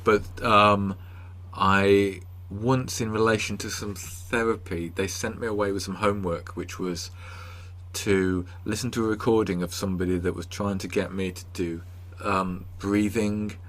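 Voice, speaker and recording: A man's voice: lowish voice, steady tone, a little slow, fairly bright tone. A man with an English accent in casual podcast chat, self-deprecating and dryly humorous. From England. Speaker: podcast co-host.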